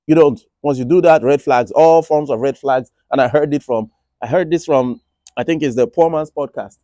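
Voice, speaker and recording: A man with a warm, mid-range voice speaks at normal speed in a dry recording. He's a Nigerian-accented finance vlogger in the Republic of Ireland, rambling through a casual monologue about trading and his money, often restarting and filling pauses.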